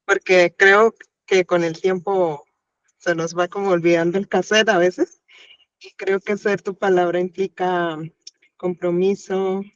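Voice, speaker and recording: A woman's voice: on the low side, flat delivery, measured pace, dry recording, muffled recording. A woman with a Colombian Caribbean coast accent, sharing thoughts in a workshop, thoughtful and hesitant with fillers. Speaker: workshop participant.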